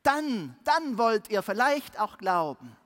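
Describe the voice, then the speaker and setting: A preacher voicing Jesus in a low, measured, slightly brusque manner. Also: sing-song, fairly bright tone. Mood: curt. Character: Jesus, calm and a bit curt.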